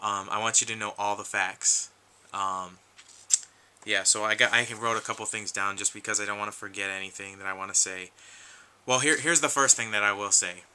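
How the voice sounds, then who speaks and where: A man talks earnestly to his viewers in a casual vlog, restarting his sentences as he goes. His voice sounds a little worn, as if he is losing it. His tone is very bright, smooth and clear, sitting a bit low. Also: steady tone, fairly quick, poor audio. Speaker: YouTube collector vlogger. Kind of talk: casual talk to camera.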